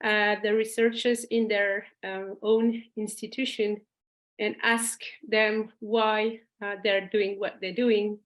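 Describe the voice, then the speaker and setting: A woman joining an online discussion over a video call, speaking hesitantly with many pauses. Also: mid-range voice, flat delivery. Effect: heard over a video call. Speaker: citizen participant.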